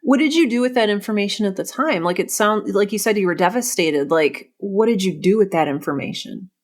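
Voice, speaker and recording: A woman with a medium-pitched, animated voice talks a little fast as she hosts a casual podcast interview with a writer. She's effusive and reflective, often thinking aloud mid-sentence.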